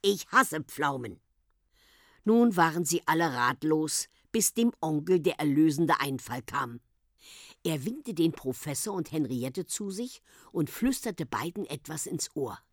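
Animated woman reading a storybook. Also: deep voice, unhurried, dry recording, clean studio sound. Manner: expressive and animated. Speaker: narrator.

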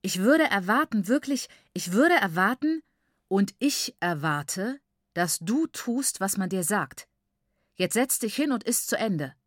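A woman's voice: medium pitch, expressive, normal speed, no room sound, studio quality, natural voice. A woman reading aloud voices a strict middle-aged father who speaks in stern, commanding tones.

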